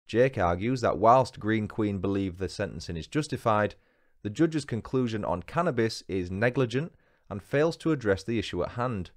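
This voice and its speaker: A man's voice: fairly low pitch, lively intonation, normal speed. A man with a Northern English accent hosting a true crime podcast, reading his script with dry, wry asides. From England. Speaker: podcast host.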